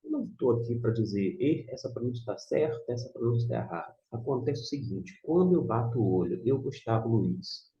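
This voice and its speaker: Slow, mellow-voiced man teaching. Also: medium pitch, roomy sound, highs cut off. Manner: explanatory, patient, spells out sounds. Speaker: Biblical Hebrew teacher. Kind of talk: explaining lesson.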